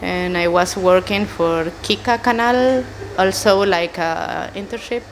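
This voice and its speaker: Chilean woman, slow and hesitant. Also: medium pitch, a little hiss or hum. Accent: Chilean Spanish. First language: Spanish. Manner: hesitant, searching for English words, many fillers. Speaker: animator, interview guest. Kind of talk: casual interview answers.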